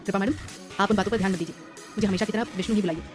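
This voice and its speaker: A woman's voice: medium pitch, fairly even intonation, racing, over music, close to an everyday voice. A woman doing a restrained young father. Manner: soft, restrained. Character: patient young father, man.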